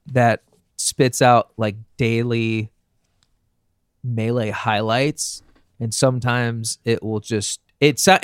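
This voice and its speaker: A man's voice: mid-range voice, smooth, no echo, studio quality. A man co-hosting a casual video game podcast, rambling and joking with crude language. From United States. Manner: rambling, jokey, swearing. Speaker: podcast co-host. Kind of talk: casual chat.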